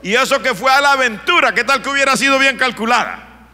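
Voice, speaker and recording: A man's voice: very high-pitched, a little fast, pushed and bright. A male pastor, preaching a sermon in an emphatic storytelling manner. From Colombia. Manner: storytelling, emphatic, plays the characters. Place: church. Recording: long church reverb.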